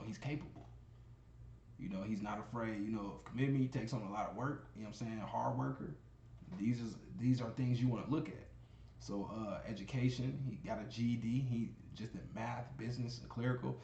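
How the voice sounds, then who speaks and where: A man talks loosely and conversationally, calling his listeners y'all and often asking "you know what I'm saying." His voice is dark and mellow. It sounds echoey, with faint noise in the room. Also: lowish voice, gravelly, muffled recording. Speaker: crypto video host. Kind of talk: casual screen-share commentary.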